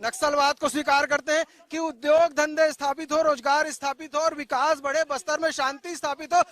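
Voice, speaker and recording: Male panelist, very high, bright, accusatory. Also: little pitch movement, fairly quick. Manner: accusatory, rhetorical questions. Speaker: debate panelist, ruling party side. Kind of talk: TV news debate argument.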